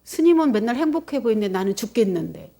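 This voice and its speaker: A woman's voice: a little high, big pitch swings, fast talker, gravelly, warm tone, full character voice. A woman quoting a tearful, embittered fellow nun who speaks bluntly and plaintively in casual speech.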